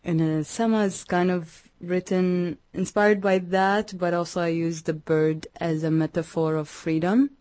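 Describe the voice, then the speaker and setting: A young woman from Iraq, a musician guest in an interview, speaking hesitantly with many pauses and restarts. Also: fairly low pitch, steady tone, darkish tone, dry recording. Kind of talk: radio interview.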